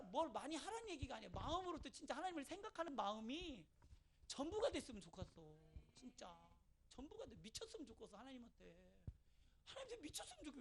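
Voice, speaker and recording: A male pastor preaching in a church, emphatic and high-pitched, with a gravelly edge and a bright, forceful tone. He drops into soft asides and then bursts into loud exclamations. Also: slight background noise. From South Chungcheong, Korea. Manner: emphatic, swings between quiet asides and shouted amens. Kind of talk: sermon. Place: church sanctuary.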